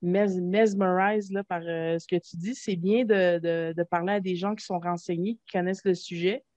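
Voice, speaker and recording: A woman's voice: lowish voice, steady tone, normal speed, darkish tone, no room sound. A woman with a Québécois French accent hosting a video-call interview, talking hesitantly with fillers and restarts. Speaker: host. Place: small room at home. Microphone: desk microphone. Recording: dull lo-fi video call audio.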